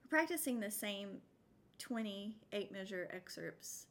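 A woman's voice: mid-range voice, lively intonation, slow, fairly bright tone. A woman from West Texas with a drawling twang, telling stories casually as a podcast guest. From West Texas, United States. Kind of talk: casual interview storytelling.

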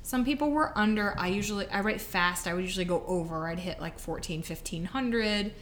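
A woman's voice: mid-range voice, fairly quick, a bit bright, a little hiss or hum. A woman co-hosting a podcast, giving writing advice in a frank, punchy, casual chat. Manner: candid, punchy, laughing. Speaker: podcast co-host, author.

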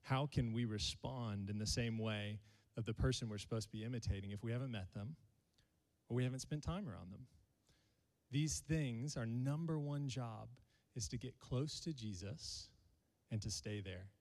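A man's voice: medium pitch, normal speed, darkish tone, in a large hall. A male pastor, preaching a sermon to his congregation and joking with them. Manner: playful, jokes with the congregation.

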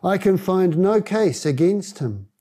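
A man's voice: sits high, expressive, measured pace, mellow, voice pushed up. A man voicing a stern, questioning male Roman governor in a scripture reading.

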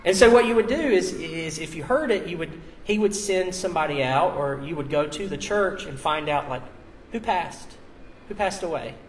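A man's voice: a little high, animated, moderate pace, slight background noise, low-quality recording. A man preaching as a pastor in a conversational, informal and explanatory way, with casual asides, at a live church service. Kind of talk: conversational sermon.

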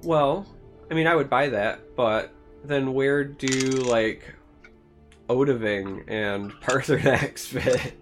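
A man's voice: mid-range voice, slow pace, faint music behind. Male podcast co-host with a mid-range voice, analytical and talkative. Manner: analytical, explains game mechanics at length. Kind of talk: casual podcast chat.

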